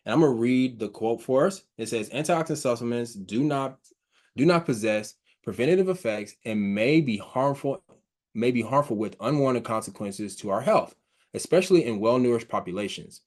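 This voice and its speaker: A man giving an informal slide talk, reading research quotes aloud and explaining them haltingly, with frequent fillers, restarts and a stutter he mentions himself. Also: mid-range voice, expressive, a little mellow. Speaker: presenter on hydrogen health research.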